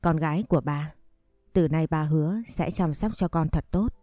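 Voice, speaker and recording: A woman's voice: sits low, normal speed, dark tone, no room sound, studio quality, faint music behind, close to an everyday voice. A woman voicing a middle-aged father who reassures his young daughter in an audio story. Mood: reassuring.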